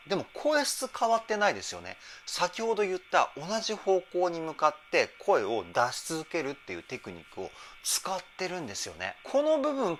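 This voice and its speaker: Animated, bright-voiced male vocal coach. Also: slight background noise. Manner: enthusiastic, breaks into sung demos and falsetto examples. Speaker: vocal trainer. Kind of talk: reaction and vocal analysis commentary.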